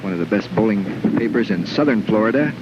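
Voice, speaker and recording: A man calling live bowling play-by-play, excitedly repeating phrases as the action peaks, on an old television broadcast. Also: lowish voice, fast talker. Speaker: bowling commentator. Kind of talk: live sports play-by-play commentary. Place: bowling alley. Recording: noisy dull vintage 1950s TV broadcast.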